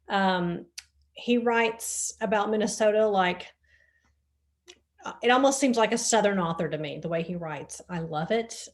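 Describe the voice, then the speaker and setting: A woman co-owner of a bookshop chatting enthusiastically about favorite books over a video call, with frequent ums. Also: medium pitch. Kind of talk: casual book chat over video call.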